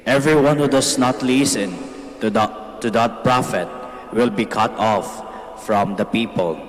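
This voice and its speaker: A man reading scripture and psalms as a lector, solemn and measured, in a large church with cathedral echo. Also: medium pitch. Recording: cathedral echo, long reverberation.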